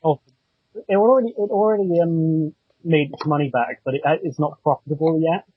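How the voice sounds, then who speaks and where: A man chats casually about films, slightly high and a little husky. His voice comes out muffled and dull, as if heard through a wall. The cheap cable headset mic sounds dry and close. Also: brisk, no room sound. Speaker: podcast co-host. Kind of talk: casual film chat.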